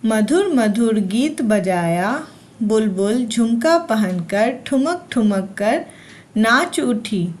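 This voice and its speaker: Slow, patient woman teaching young kids. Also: fairly high pitch, expressive. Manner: repeats lines and asks then answers her own questions. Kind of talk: slow read-aloud lesson for young children.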